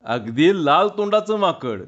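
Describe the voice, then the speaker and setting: A young man full of joking banter, voiced by a male storyteller. He speaks a little higher than the narration. The sound is dull and lo-fi. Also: sing-song, measured pace. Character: young male narrator-self, amused and jokey.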